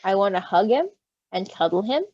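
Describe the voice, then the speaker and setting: Fan fiction gets an expressive read from a woman who gushes, giggles, and drops casual asides along the way. She speaks fairly quickly in a mid-range voice, and the recording is dry, dull, lo-fi and close.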